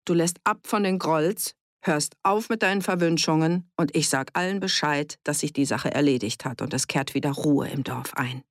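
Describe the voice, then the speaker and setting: A woman voicing a gruff, dismissive male farmer in an audiobook, curt and brusque. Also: deep voice, normal speed, hardly any pauses, dry recording, studio quality, close to an everyday voice.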